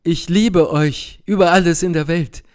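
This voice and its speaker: A man's voice: on the high side, unhurried, voice pushed up, natural voice. A man voicing a gallant young nobleman, earnest and devoted, speaking in vowing declarations in an audiobook. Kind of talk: audiobook character reading.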